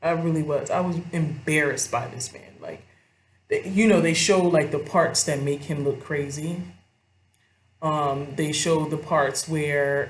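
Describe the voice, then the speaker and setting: A young woman giving casual commentary to her viewers, rambling and swearing freely as she talks straight to them. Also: sits low. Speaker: vlogger. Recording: roomy echo.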